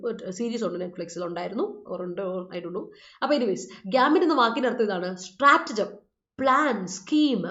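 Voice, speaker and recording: Woman teacher correcting students, roomy sound. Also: medium pitch. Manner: explains patiently, reads out and corrects students' sentences. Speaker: English teacher. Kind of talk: online vocabulary lesson. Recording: roomy, slightly dull audio.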